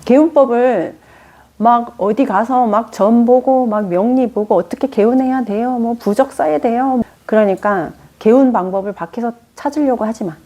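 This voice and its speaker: A woman teaching a class on fortune-telling in an informal lecture, telling lively stories with acted-out quotes and asking her students questions. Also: on the high side, normal speed, muffled recording. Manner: chatty, poses questions to the class. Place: lecture room.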